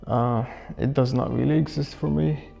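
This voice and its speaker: Gravelly-voiced young man, reflective. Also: mid-range voice, steady tone, moderate pace, warm tone. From Syria. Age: early 20s. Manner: thoughtful, searching for words. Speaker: student interviewee. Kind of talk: reflective documentary interview. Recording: reverberant space with faint music.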